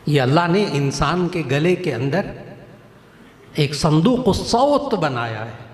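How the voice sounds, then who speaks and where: A man's voice: a little high, expressive, slow. A male cleric explaining a point to an audience at a recitation contest, repeating key phrases and acting out examples to show what he means. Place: large mosque hall. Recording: echoey hall with long reverb.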